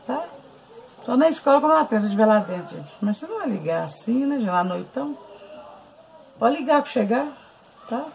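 Chatty Brazilian woman with a gravelly voice. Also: on the high side, big pitch swings, fairly quick, long pauses, darkish tone, poor audio. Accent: Brazilian Portuguese. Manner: chatty, constantly addresses viewers. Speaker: vlogger. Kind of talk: casual storytelling and hair-care tips.

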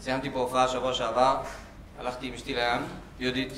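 A man's voice: medium pitch, monotone, heavy background noise. A man doing a stand-up comedy set on a club stage, telling stories and acting out the dialogue in raised voices. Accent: Israeli. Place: club stage before a live audience. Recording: roomy club sound with crowd laughter.

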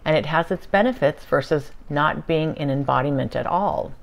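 A woman relaying a tiny calm alien being. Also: low voice, vocal fry. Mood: calm, explaining. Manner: measured, explanatory. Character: tiny inch-tall alien being, calm, dryly humorous.

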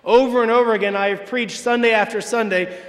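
A man in his thirties, a parish priest, preaching a Sunday homily from the pulpit with emphatic pauses. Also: high voice, steady tone. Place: large church, from the pulpit. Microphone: far camera, church sound system. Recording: long church reverb.

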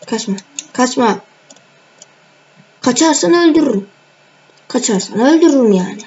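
A woman's voice: high voice, dark tone. A young woman casually commenting on her gameplay, talking straight to viewers and teasing the players she fights. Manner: chatty, teasing, addresses viewers directly. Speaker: gaming channel host. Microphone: screen-recorded voice mic. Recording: dull lo-fi home mic with faint noise.

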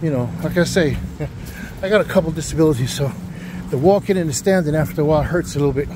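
Walking through a waterfront park with a handheld camera, a middle-aged vlogger casually narrates his tour and talks with passersby. He's a fast talker with a slightly high voice. Faint wind and outdoor sounds can be heard.

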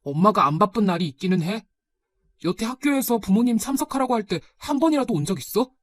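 Woman doing a 19 yo son, resentful, sharp questions, dry close voice. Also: mid-range voice, expressive, quick pace, no echo, natural voice. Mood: reproachful. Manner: reproachful, pointed. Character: nineteen-year-old son, resentful but gentle with grandmother. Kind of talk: storybook narration.

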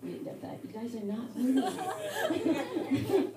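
A young woman from Mexico doing a live stand-up set in a pub, with a halting, rambling delivery full of fillers. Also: high-pitched, very animated, distant mic. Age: young adult. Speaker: stand-up comedian. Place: hotel pub comedy night. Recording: echoey live room miked from afar with loud crowd. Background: audience chatter and laughter.

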